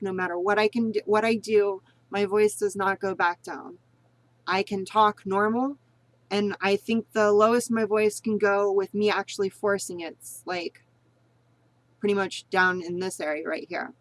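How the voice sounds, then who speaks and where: The recording is dry as this woman, a voice-training vlogger, talks through an informal lesson. Her voice is mid-range, and she rambles and repeats herself while sounding sincere and supportive.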